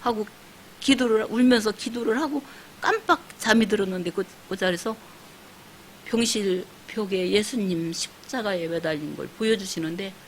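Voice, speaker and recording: At a church service, a pastor's wife in her sixties earnestly shares an emotional testimony, using plenty of fillers and imitating other people's voices. Her mid-range voice moves at a moderate pace, captured in a low-quality recording with faint hiss.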